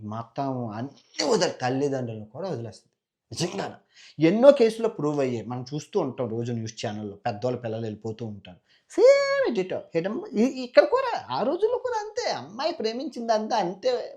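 A man's voice: mid-range voice, darkish tone. A man retelling an epic tale in a chatty, dramatic way, adding sound effects and asides. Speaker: storyteller.

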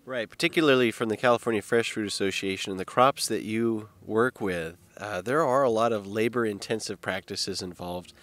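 A man's voice: lowish voice, moderate pace, hardly any pauses, fairly bright tone. A young man interviewing a guest outdoors with a handheld mic, conversational and agreeable. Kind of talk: interview questions. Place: outdoors on a lawn.

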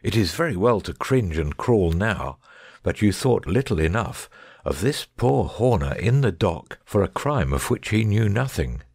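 A man's voice: fairly low pitch, big pitch swings, unhurried, vocal fry, darkish tone, slightly rough, dry recording, clean studio sound, full character voice. A man playing a shrewd, commanding, coolly sardonic detective with precise, formal speech in an audiobook dramatic reading. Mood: stern, accusing.

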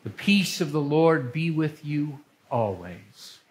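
Slow-paced male pastor leading worship. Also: a little high, expressive, slight background noise. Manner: measured, solemn phrasing. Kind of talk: liturgical reading to a congregation. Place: church sanctuary, speaking to congregation.

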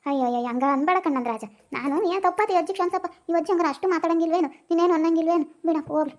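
A squeaky scolding cartoon grandma. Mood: apologetic. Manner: scolding, rapid chatter. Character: scolding old village grandmother. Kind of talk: cartoon comedy voice acting.

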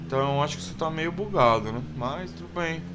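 Speaking a little high and a little fast, this animated Brazilian Portuguese-accented host comments loosely on his survival game. His let's play talk wanders with plenty of fillers over some background noise.

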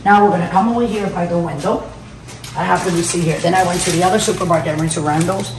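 A woman's voice: fairly low pitch, fast, recorded from a distance. Middle-aged woman, casual vlog host, chatty and rambling, echoey home room with background noise. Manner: chatty, rambling, listing prices with fillers. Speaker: cooking channel host. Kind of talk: casual grocery haul vlog. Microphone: phone camera held by someone else.

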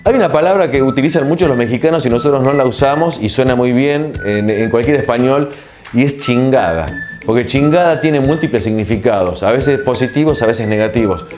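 Argentine man musing with many pauses. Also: mid-range voice, faint music behind. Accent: Argentine Spanish. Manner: relaxed, reflective, many filler pauses. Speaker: TV host and producer, interview guest. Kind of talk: casual interview answers. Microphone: lapel mic.

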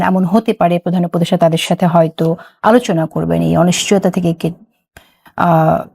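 A woman hosting a talk show, asking measured questions. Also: fairly low pitch, gravelly, darkish tone. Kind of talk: interviewing.

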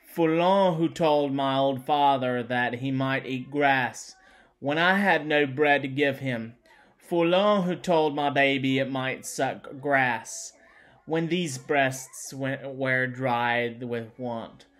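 A man's voice: medium pitch, fairly bright tone. A man reading frenzied starving women crying for revenge. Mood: vengeful. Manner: halting, repeating words.

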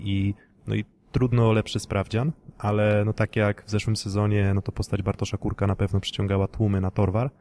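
Podcast host, male, low and flat delivery, measured and analytical. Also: a little hiss or hum. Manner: measured, analytical, hands questions to co-hosts. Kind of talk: casual sports podcast discussion.

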